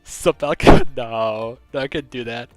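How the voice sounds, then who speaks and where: A young German man with a slight accent chats casually on a game stream, reading chat and rambling through a story with plenty of restarts. His mid-range voice moves at a measured pace over soft background music.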